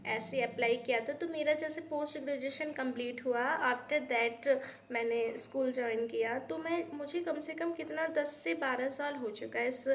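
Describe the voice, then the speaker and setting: Earnest high-voiced woman telling her story. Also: gravelly, a little hiss or hum. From Uttar Pradesh, India. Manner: earnest and heartfelt, mixing English words, with many restarts. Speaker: teacher and YouTuber. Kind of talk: personal story vlog.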